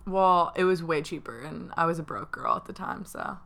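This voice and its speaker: A young woman from the northern US co-hosts a casual podcast, tossing out wry one-liners and laughing often. Her voice is lowish in pitch yet sharp and bright in tone. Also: lively intonation, normal speed, creaky. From northern United States. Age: 20s. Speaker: podcast co-host. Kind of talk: casual chat.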